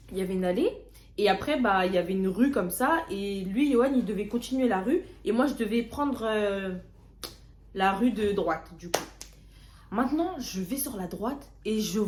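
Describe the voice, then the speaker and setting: Young woman vlogger doing a storytime, kinda high voice, echoey room, repeats herself a lot. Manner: lively storytelling, slangy, often repeats words. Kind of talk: casual storytime narration. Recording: roomy echo.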